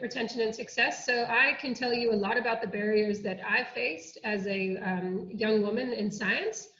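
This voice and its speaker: At an online workshop, this US academic oceanographer lays out a programme with earnest explanation and an American accent, her voice on the high side and fairly bright. She's in an indoor room, and the online-call sound comes through muffled and roomy.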